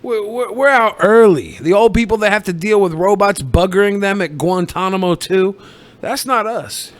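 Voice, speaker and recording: A sardonic, foul-mouthed man co-hosts a podcast, chatting casually and joking around. His voice sits high, at a moderate pace.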